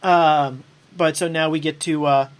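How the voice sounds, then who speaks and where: A woman's voice: low voice, fairly even intonation, a little slow. A woman hosting a casual online panel chat about television, talking in a rambling way with plenty of ums. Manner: rambling with fillers and restarts. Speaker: host.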